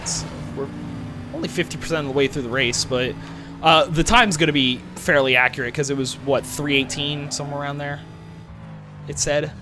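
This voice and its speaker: A man's voice: on the high side, normal speed, music in the background. A young man rambling casually as he plays through a racing game, questioning himself and swearing now and then. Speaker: gaming channel host. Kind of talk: rambling let's-play commentary.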